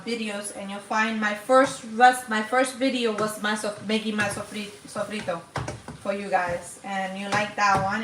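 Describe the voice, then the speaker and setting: Woman in her forties, cooking-stream host, chatty, echoey kitchen, faint background noise. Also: mid-range voice. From Dominican Republic. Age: 40s. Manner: chatty, talks to viewers while cooking. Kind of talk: casual live cooking stream. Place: home kitchen.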